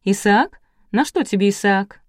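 A woman reading aloud, voicing a furious jealous farm wife who shouts threats. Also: medium pitch, measured pace, no echo, clean studio sound, natural voice.

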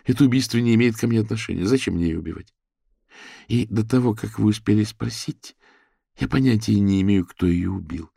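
A man's voice: on the low side, fairly quick, vocal fry, mellow, breathy edge, no echo, studio quality, full character voice. A man voicing a bitter, paranoid young single mother who speaks in a venomous, accusing way.

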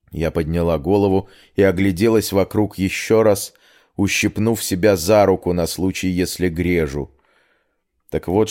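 A man reading a fantasy novel aloud as an audiobook narrator, in a measured, even delivery. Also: low voice.

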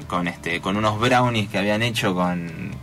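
A radio guest, a man with a Rioplatense Spanish accent and a somewhat low voice. He keeps hesitating and restarting, and his pace is uneven. Faint music plays behind him. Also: moderate pace, a bit bright. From Argentina. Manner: hesitant, many fillers and restarts. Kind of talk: radio talk, recounting school events.

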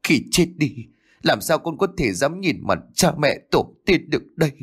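A man's voice: mid-range voice, big pitch swings, moderate pace, slightly rough. A man voicing a stern, furious older male clan head who scolds harshly and wails in grief, in a spoken ghost story. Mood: wailing grief.

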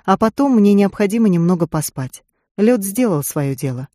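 A reader voicing a gruff battered female agent. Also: mid-range voice, animated, normal speed, warm tone, no echo, clean studio sound, close to an everyday voice.

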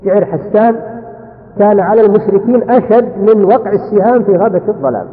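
Man, lecture teacher, fairly high voice, tinny tape sound, long hall echo. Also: fast. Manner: explanatory, recites verses in between, drops into colloquial asides. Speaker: religious teacher. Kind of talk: classroom lecture explaining a text.

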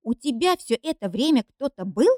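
A woman's voice: on the high side, sing-song, normal speed, darkish tone, dry recording, studio quality, pitched above the performer's own voice. A woman reading an audiobook, voicing an emotional young woman who is jealous and accusing. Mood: pleading, jealous. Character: clingy, jealous young woman, shrill and pleading.

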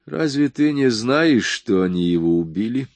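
A man reading an audiobook voices a frightened, bitter young woman with a sharp, mocking tone. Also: medium pitch, lively intonation, normal speed, no room sound, natural voice. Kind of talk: audiobook dialogue.

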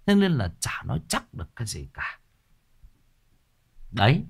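A man giving blunt big-brother advice in a casual livestream, animated and sometimes mocking. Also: mid-range voice, moderate pace, creaky, husky. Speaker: streamer giving life advice.

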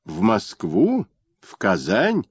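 A man voicing a fat, lazy, greedy provincial governor who talks in a gruff, bullying way. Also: on the low side, wildly swooping pitch, slow pace, no echo, studio quality, exaggerated voice.

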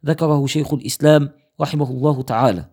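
A man's voice: fairly high pitch, quick pace, dark tone, slightly rough. A man teaching Islamic jurisprudence, reading a fiqh text aloud, counting off points in order and citing his sources.

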